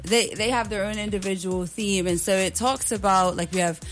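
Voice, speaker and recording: A Bermudian woman, a guest dancer and choreographer, talks earnestly about her show in a radio studio interview, using frequent filler words. Her medium-pitched voice is steady and at normal speed, with soft background music behind her.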